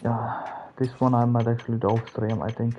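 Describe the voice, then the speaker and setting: A Finnish-speaking man streams a game and gives casual live commentary, mostly talking to himself in short bursts over the game's music. His medium-pitched voice is flat and brisk, and the audio is dull with background noise.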